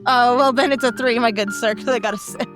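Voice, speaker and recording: A woman's voice: fairly high pitch, steady tone, fast talker, music in the background. A woman chatting casually and playfully as a player in a tabletop game. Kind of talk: casual, jokey chat.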